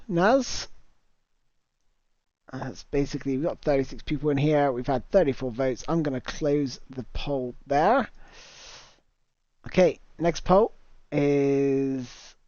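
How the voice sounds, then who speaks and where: Chatty streamer, dry lo-fi mic. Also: male voice, medium pitch, warm tone, no room sound. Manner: chatty, reads out viewer comments, laughs easily. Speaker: livestream host. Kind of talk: casual livestream chat with viewers. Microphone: new cheap microphone.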